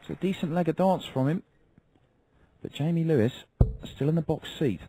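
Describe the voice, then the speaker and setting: A man's voice: fairly high pitch, normal speed, dark tone, a little hiss or hum, low-quality recording. A man calling a darts match as lead live commentator.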